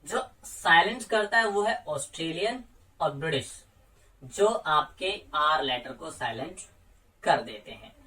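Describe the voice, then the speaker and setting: A male English tutor calmly explains a lesson, pausing on each example word and saying it slowly. He sits a bit back from the microphone, so his voice sounds slightly distant. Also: fairly high pitch. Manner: patient, repeats example words slowly. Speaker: English teacher. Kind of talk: explaining silent letters in a lesson. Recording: voice a little far from the mic.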